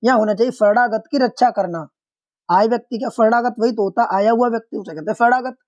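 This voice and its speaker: A man's voice: extremely high pitch, quick pace, a little mellow, no room sound, highs cut off. A man teaching an online exam-prep lesson, explaining answers step by step, putting questions to viewers and calling them friends.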